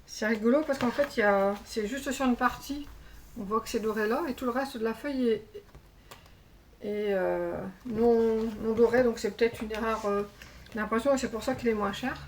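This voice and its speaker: A woman's voice: on the high side, moderate pace, a little mellow, far from the mic, slight background noise. A woman chatting casually as she shows craft supplies, hesitating often with fillers. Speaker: crafting YouTuber. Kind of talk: casual show-and-tell haul.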